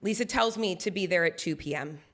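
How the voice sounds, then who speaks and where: A woman telling a personal story on stage in an animated, self-deprecating, conversational way. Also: on the low side, brisk. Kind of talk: live first-person storytelling.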